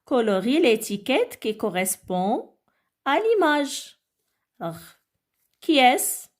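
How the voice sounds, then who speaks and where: A woman teaching a reading lesson to young children, sounding out words syllable by syllable. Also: high-pitched. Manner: slow, syllable-by-syllable reading, animated.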